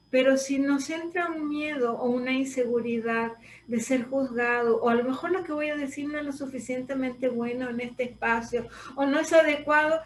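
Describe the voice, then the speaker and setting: A woman voice teacher, explaining things thoughtfully with pauses in a reflective conversation. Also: high-pitched, echoey room, far from the mic, a little hiss or hum, poor audio.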